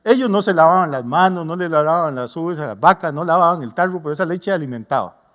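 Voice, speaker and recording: A man preaches a sermon with a high voice, mixing folksy humor and homely stories into his teaching. His voice carries a long reverb from a church sanctuary. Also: expressive, fast talker, fairly bright tone. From Costa Rica. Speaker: pastor.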